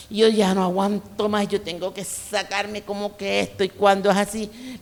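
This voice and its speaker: A woman preacher from Colombia with a coastal Colombian accent, giving an emphatic, conversational sermon full of personal stories. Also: medium pitch. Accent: Colombian Caribbean coast. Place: church hall. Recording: reverberant church hall.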